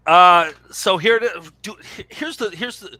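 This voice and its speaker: Man co-host, bright voice, playful and chatty, explains the gag at length. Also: sits high, unhurried. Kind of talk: comedic banter.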